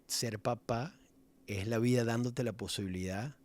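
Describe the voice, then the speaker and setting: Dad talking it through on a podcast, medium voice, thoughtful, throws in english words. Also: male voice, mid-range voice, steady tone, unhurried, a little mellow. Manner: reflective, slips English words into his speech. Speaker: father and musician in a podcast conversation. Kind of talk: casual chat.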